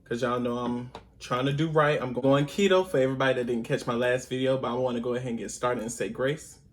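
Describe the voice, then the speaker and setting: A man chats casually to his viewers while he eats. He keeps calling them y'all and hums between bites. He talks at an ordinary middle pitch. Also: steady tone, fast. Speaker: mukbang vlogger. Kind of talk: casual eating vlog chat.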